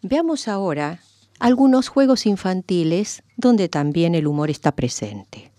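A woman reciting and explaining folk sayings and riddles with a deliberate, expressive delivery. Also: fairly low pitch, no room sound, studio quality.

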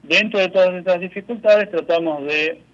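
A man with an Argentine Spanish accent, speaking in a high, fairly bright voice at a moderate pace, answers questions in a radio interview as a community spiritual leader. He sounds hesitant, with many fillers and restarts, and the recording is muffled.

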